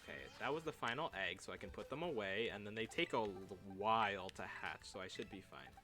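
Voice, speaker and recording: A young man chats through a game stream in a bright, forceful voice, teasing his viewers and laughing between lines. Faint music runs softly behind him. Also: lowish voice, animated, brisk. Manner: playful, chatty, reads chat aloud, frequent laughs. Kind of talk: casual livestream chat.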